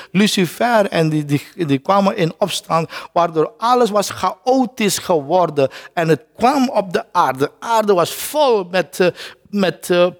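Male pastor, slow dramatic sermon, high lively voice, long hall echo. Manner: repeats words while searching, dramatic shifts in pitch and pace for quotes.

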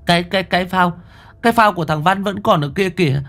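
Guy doing a scared village kid, way high squeaky voice, stammers and trips over words. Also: quick pace, fairly bright tone. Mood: frightened. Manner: stammering, breathless panic. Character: frightened village boy, panicky and stammering.

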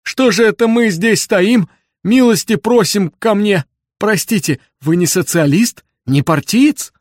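Brief: male reader voicing a jittery old bureaucrat, shrill and whining, fawning in a storybook reading. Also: lively intonation, dry recording, studio quality. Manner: wailing, high and drawn-out. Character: fretful old male ex-official, tearful and fawning.

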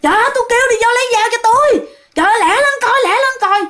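A woman voicing a panicked young farmer man with a Southern Vietnamese accent, shouting frantically and stammering. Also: very high voice, expressive, racing, pitched above the performer's own voice. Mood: frantic.

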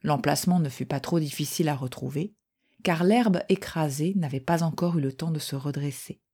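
Husky, mellow woman reading a story. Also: deep voice. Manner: calm, measured reading with voiced dialogue. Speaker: narrator reading a short story. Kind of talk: storybook reading of a first-person memoir.

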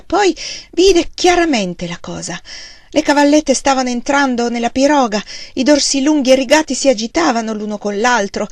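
A woman narrating a novel aloud in a calm, steady reading voice. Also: medium pitch, no room sound. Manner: calm, steady, rising tension in dramatic passages. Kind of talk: audiobook reading.

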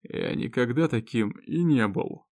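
A man voicing a drunk, weary, sarcastic man, hoarse and sluggish. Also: medium pitch, expressive, a little slow, darkish tone, dry recording, studio quality, close to an everyday voice. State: drunk, groaning.

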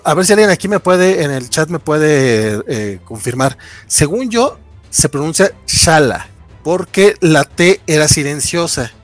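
A man with a Mexican accent, chatting casually on a livestream about comics, full of fillers and restarts. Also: a little high. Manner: rambling with many fillers. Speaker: comic book reviewer. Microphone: remote call with lag.

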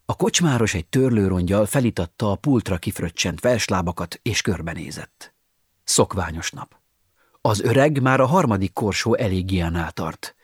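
Husky low-voiced man reading a story. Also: no echo, studio quality. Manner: wry, ironic storytelling with sighing asides. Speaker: audiobook narrator. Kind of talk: scripted audiobook narration.

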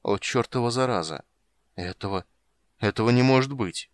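A man reading the lines of a loud, foul-mouthed male mercenary in a storybook reading. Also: mid-range voice, moderate pace, no echo, close to an everyday voice. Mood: stunned. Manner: loud, coarse, shouting.

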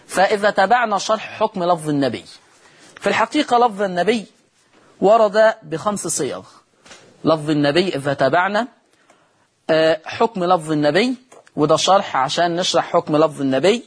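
A man with an Egyptian accent teaching Quran recitation on television, moving between quick explanation and slow, drawn-out chanted verses. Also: high voice, lively intonation, husky. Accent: Egyptian Arabic. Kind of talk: televised tajweed lesson.

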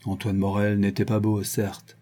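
A man narrates an audiobook at a measured storytelling pace. His voice is low and dark, with a husky grain. He reads the prose with calm control. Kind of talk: audiobook reading.

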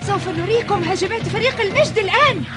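A woman voicing a confident, competitive young boy footballer in an animated series, bold and rallying. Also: extremely high pitch, fast. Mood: confident challenge. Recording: loud music under the voice. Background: loud music.

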